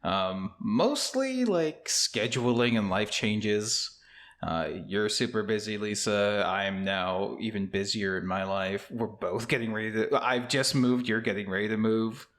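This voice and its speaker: A man's voice: fairly low pitch, unhurried, fairly bright tone. A young man co-hosting a casual podcast. He rambles with many fillers and restarts, and his voice echoes like a cave because his room is still empty. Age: young adult. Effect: cave-like echo from an empty, bare room. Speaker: podcast co-host. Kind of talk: casual chat. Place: empty new home office, indoors.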